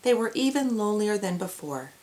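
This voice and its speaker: Expressive woman reading aloud to children. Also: mid-range voice, brisk. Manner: bright, exaggerated child-directed delivery with questions to listeners. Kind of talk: animated children's read-aloud.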